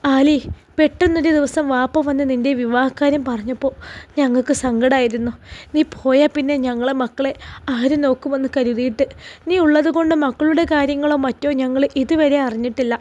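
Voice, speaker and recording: A woman's voice: high-pitched, steady tone, a little fast, darkish tone, lightly acted. A woman voicing an earnest relative who gives a heartfelt farewell speech, with a Malappuram Malayalam accent.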